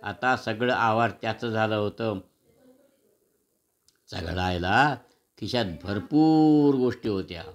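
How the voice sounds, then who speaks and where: Low-voiced man reading a children's story. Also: slow, pauses often, lo-fi sound.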